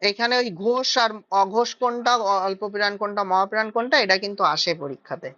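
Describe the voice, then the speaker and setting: Woman tutor going thru grammar step by step, bright voice, kinda dull lo-fi audio. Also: medium pitch, fast. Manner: explains step by step, often checks with "okay?". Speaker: teacher. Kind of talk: exam-prep grammar lesson.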